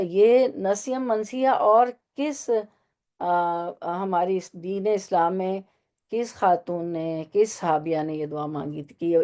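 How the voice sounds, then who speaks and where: A woman teaching a Quran lesson to women, explaining Arabic words slowly and asking her listeners questions. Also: on the low side, dark tone.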